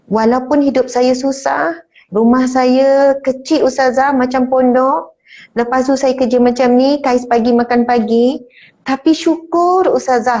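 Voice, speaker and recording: A woman's voice: high voice, darkish tone. Woman voicing a humble, devout poor mother. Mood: earnest pleading. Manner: earnest, pleading, grateful. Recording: muffled lo-fi sound.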